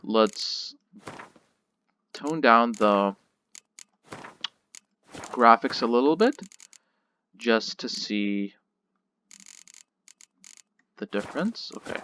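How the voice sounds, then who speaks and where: Bright-voiced man rambling over gameplay. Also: medium pitch, lively intonation, extremely slow, long pauses, a little hiss or hum. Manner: rambling, filler-heavy, mildly sarcastic. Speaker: gaming channel host. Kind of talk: casual gameplay commentary.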